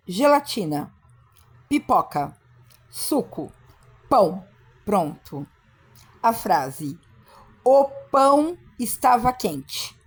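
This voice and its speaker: A woman explains classroom practice to teachers in a firm, emphatic way. Her voice sits in a middle pitch. She slips into short acted exchanges between teacher and child. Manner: emphatic, acts out classroom dialogues. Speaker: teacher trainer. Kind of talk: instructional talk for teachers.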